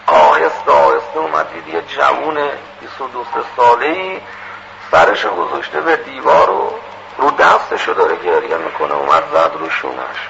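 A man preaching through a moral story, animated and acting out its dialogue, on a muffled recording with loud hiss. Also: mid-range voice, gravelly. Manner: animated, acts out dialogue, quick asides.

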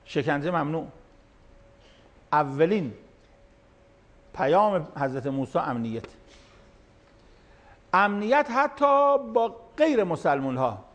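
An older man, nearly seventy, delivers a sermon-style lecture to a gathered audience. His voice sits a little higher than most men's. He reads out scripture and then explains each line in plain, everyday words. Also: big pitch swings, pauses often. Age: late 60s. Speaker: cleric speaking to an audience of managers.

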